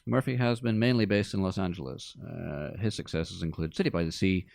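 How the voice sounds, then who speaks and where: A man's voice: low voice, brisk, gravelly, darkish tone, dry recording. A man hosting a film podcast in a studio, chatting in a jokey, rambling way with many fillers. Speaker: podcast host. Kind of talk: casual chat about film music.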